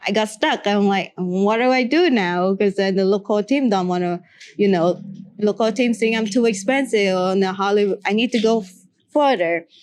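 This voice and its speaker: A woman's voice: mid-range voice, moderate pace, darkish tone. A young woman from Cambodia, a makeup artist answering an interview question and giving earnest, encouraging advice in with frequent restarts. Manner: earnest, encouraging, with restarts and broken English phrasing.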